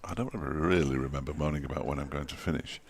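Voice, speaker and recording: Very deep-voiced cricket commentator. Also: male voice, fast talker. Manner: dry, wry and chatty, chuckles at his own jokes. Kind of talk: ball-by-ball radio-style commentary.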